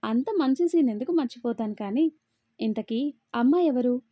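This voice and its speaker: A woman voicing a teasing, excitable young man in a storybook reading. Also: a little high, normal speed, dry recording. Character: young man Aditya, teasing, loud-reacting friend. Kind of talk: storybook read-aloud.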